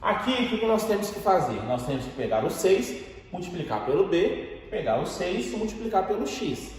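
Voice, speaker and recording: Lively man teaching in an echoey room. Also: high voice, slight background noise. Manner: explains slowly, asks and answers his own questions. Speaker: math teacher. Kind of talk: step-by-step math lesson. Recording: very echoey room with long reverb.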